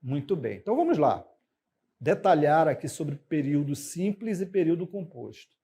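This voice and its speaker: Brazilian male teacher, fairly high mellow voice, patient explainer who pauses on fillers and checks in with "ok?". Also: big pitch swings, husky. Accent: Brazilian Portuguese. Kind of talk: recorded classroom lesson.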